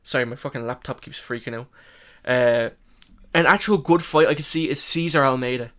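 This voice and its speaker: A young man with a slight lisp, giving rambling, animated fight reaction commentary with casual swearing. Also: mid-range voice, fairly quick. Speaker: MMA reaction youtuber.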